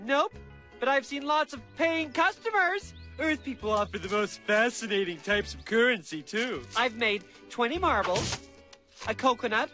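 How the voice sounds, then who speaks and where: A nervous, showy one-eyed alien gushes in a high, bright voice that leaps wildly up and down. He is fussy and theatrical, a cartoon figure through and through. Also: expressive, moderate pace, soft background music, exaggerated voice. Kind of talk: cartoon voice acting.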